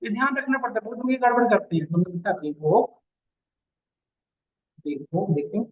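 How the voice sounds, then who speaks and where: A man's voice: high-pitched, lively intonation, moderate pace. A man teaching a database class, calling students "beta" and checking that they follow. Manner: addresses students as beta, asks checking questions. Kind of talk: classroom lecture. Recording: distant mic, phone-like lo-fi sound.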